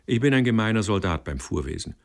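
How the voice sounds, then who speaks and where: A man's voice: fairly low pitch, expressive, fast talker, gravelly. A man doing a frail, lonely soldier. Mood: curt. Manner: curt, startled questions.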